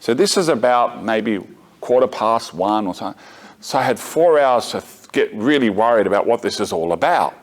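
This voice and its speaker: A man's voice: on the low side, lively intonation, normal speed. Wry middle-aged man lecturing. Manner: conversational, self-correcting, wry asides. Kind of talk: lecture mixed with personal anecdote. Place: parish gathering room.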